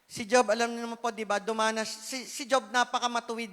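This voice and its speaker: High-voiced man preaching in a reverberant hall. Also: flat delivery, brisk. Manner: earnest, swings between loud pleading and hushed asides. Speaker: church speaker giving testimony. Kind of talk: emotional sermon testimony.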